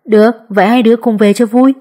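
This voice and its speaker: A kindly middle-aged mother, agreeable and pleased, as a woman reader puts her on. Her voice is mellow and a bit breathy, in an audiobook. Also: on the high side, fairly even intonation, fast talker, voice pushed up, close to an everyday voice. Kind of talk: audiobook character voice.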